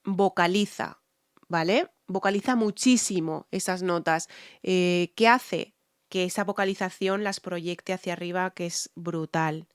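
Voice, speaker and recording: A woman's voice: lowish voice, a little slow, smooth, no echo, studio quality. Enthusiastic woman. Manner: enthusiastic, repeats phrases for emphasis; hums and sings short phrases along with the song. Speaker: singer reacting to a music video. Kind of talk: casual reaction commentary on a singer's technique.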